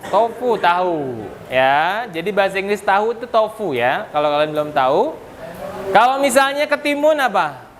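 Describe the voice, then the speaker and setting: A man's voice: sits high, sing-song, moderate pace. A man teaching English vocabulary to a class, joking and quizzing the students. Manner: joking, asks the class questions. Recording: noisy classroom recording.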